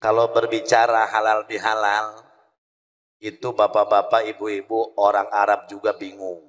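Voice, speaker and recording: A man's voice: fairly low pitch, completely flat delivery, unhurried. A man preaching a comic sermon in a mosque, telling stories and acting out dialogue voices. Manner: storytelling with acted dialogue voices. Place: mosque hall. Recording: long hall reverb.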